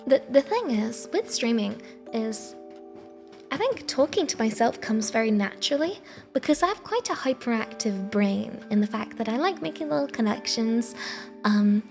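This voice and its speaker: Sleepy, high-voiced woman with a creaky edge. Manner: sleepy, soft and meandering. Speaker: live streamer. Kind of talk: casual rambling livestream chat. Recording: soft background music. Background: quiet background music.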